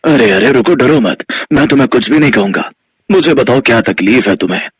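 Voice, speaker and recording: A man doing a kindly male ghost from a storybook, reassuring and generous. His husky voice moves up and down a lot as he talks. The sound is dry and lo-fi. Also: mid-range voice, expressive, brisk, no echo. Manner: soothing, reassuring. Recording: dull lo-fi audio.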